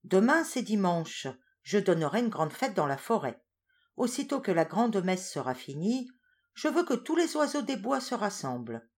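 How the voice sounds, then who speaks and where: A woman's voice: medium pitch, big pitch swings, normal speed, a little mellow. A woman reading a storybook, voicing a regal, commanding queen of the birds in a haughty manner.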